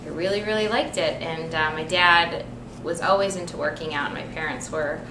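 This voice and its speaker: Relaxed young woman, echoey and distant. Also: deep voice, normal speed. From United States. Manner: relaxed and chatty, many ums. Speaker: interviewee, nurse and figure athlete. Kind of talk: casual self-introduction. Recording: echoey room, mic from far off, noisy.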